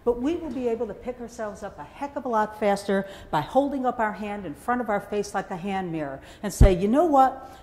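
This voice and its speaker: A woman's voice: mid-range voice, fairly quick, few pauses, a little hiss or hum. A woman giving a motivational talk to a live audience, telling stories with animation and calling on listeners by name. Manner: animated storyteller, calls on audience members by name. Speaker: motivational speaker. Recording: echoey hall.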